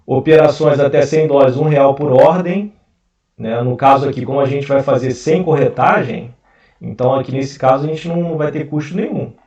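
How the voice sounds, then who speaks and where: In a relaxed screen-share video about investing, a man from Rio speaks Carioca-accented Portuguese at a moderate pace in a mid-range, slightly mellow voice. He stumbles along with frequent fillers and restarts. The mic is dull and far away, picking up plenty of room.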